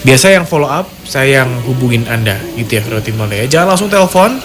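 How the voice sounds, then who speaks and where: A man's voice: mid-range voice, expressive, fast. A man hosting a live radio call-in show casually, chatting directly to his listeners. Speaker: radio host of a horror-story call-in show. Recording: music playing behind voice.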